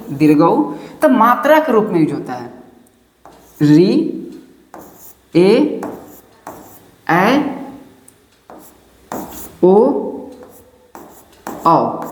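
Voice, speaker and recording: A woman teaching a grammar lesson step by step and quizzing her students with rhetorical questions. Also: mid-range voice. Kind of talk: classroom-style online lesson. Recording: echoey room with long reverb.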